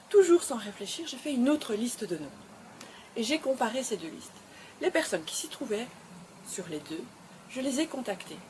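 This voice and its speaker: Speaking to camera on her web show, a woman from Belgium delivers an encouraging, emphatic motivational talk and repeats phrases often. Her voice runs somewhat high with a darkish tone, and there's slight background noise.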